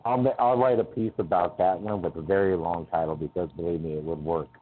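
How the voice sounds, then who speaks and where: A man's voice: low-pitched, brisk. A man calling into a radio show over a phone line, rambling and chatty and laughing often. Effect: call-in voice over a phone line.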